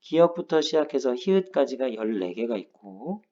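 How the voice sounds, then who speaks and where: A man's voice: medium pitch, sing-song, moderate pace, darkish tone, dull audio. A man teaching a grammar lesson, explaining rules patiently step by step and checking in with his students. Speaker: Korean language teacher.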